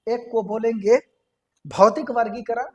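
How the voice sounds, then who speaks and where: In a classroom lecture, a woman teaches science with a mellow, fairly high voice, keeping her intonation fairly even and her pace measured. She explains things step by step, repeats key terms, and asks the class questions that she answers herself.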